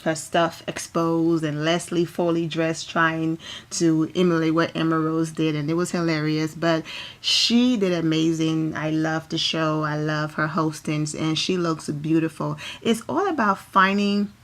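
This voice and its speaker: Speaking at a measured pace in a deep, fairly even voice, a woman from Liberia gives casual commentary on red-carpet fashion as a vlogger. Recorded at home, her talk is chatty and enthusiastic, with occasional apologetic asides.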